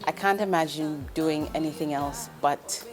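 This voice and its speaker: A Jamaican investment executive in her forties answers interview questions candidly, earnest and direct, with ums and restarts. Her voice is low and her pace measured, with faint music behind her.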